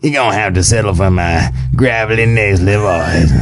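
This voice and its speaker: A man doing a gravelly, nasal male blues-singer alter ego with hammy radio-DJ patter, set back from the mic. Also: sits low, expressive, unhurried.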